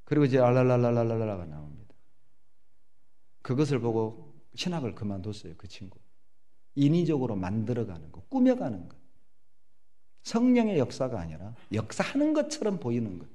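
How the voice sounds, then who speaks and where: Animated middle-aged Korean pastor preaching. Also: male voice, medium pitch, a little fast, long pauses. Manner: animated storytelling, acting out prayers and voices. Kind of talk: sermon.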